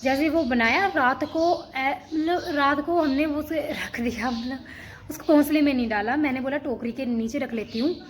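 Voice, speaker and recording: Speaking at normal speed in a high voice, a young woman from Himachal Pradesh, India shares a story with her vlog audience. She tells it casually to camera, rambling and chatty, and restarts often.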